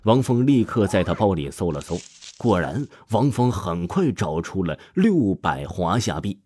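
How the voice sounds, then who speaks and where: A man's voice: low-pitched, big pitch swings, unhurried, slightly rough. A man narrating an audiobook with dramatic storytelling. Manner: dramatic storytelling, voices all roles. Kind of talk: scripted narration. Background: soft background music.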